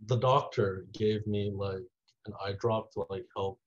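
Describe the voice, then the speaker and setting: A young man from Taiwan, a student being interviewed, telling a rambling story full of "like" fillers that trails off quietly. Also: fairly low pitch, fairly even intonation, a little slow. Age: young adult. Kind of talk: casual interview. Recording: dull lo-fi audio.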